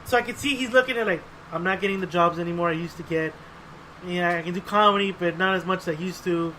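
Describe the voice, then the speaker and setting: His voice sits high and his pace is quick as he rambles through a casual podcast conversation as co-host. Profane and animated, he acts out the quotes in his stories. Expect a low-quality recording with slight background noise.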